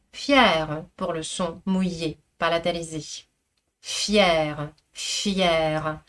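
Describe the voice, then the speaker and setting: A woman with a lowish voice teaches pronunciation at an unhurried pace. She repeats each example slowly and carefully, pausing to explain. Her delivery is patient and methodical. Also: fairly bright tone. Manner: slow, careful, models words repeatedly. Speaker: Russian language teacher. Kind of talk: pronunciation lesson.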